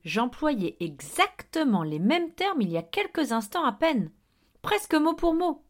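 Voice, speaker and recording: A woman reading an audiobook, voicing a blustering middle-aged man in a wheelchair who barks and gets excited. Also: sits high, measured pace, pitched above the performer's own voice. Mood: gruff. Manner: barking, excitable, bossy.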